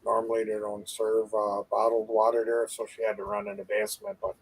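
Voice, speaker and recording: A man's voice: lowish voice, a little fast, gravelly, husky, low-quality recording. A middle-aged man co-hosting a live online show, chatting in an easygoing, rambling way with many uhs. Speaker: co-host of a live advocacy show. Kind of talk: casual chat.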